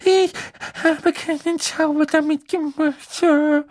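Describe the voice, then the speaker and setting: A man's voice: fairly even intonation, slow pace, darkish tone, no room sound. A man voicing a terrified female house-elf who stammers and pleads in a tiny piping voice. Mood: terrified pleading. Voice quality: squeaky, piping. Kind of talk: audiobook character voice.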